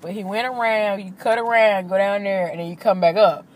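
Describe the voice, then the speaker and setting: A woman's voice: medium pitch, brisk. A woman chatting casually and animatedly while driving in traffic, swearing freely, recorded in her car. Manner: chatty, profane, animated storytelling. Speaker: vlogger. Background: faint car and road noise.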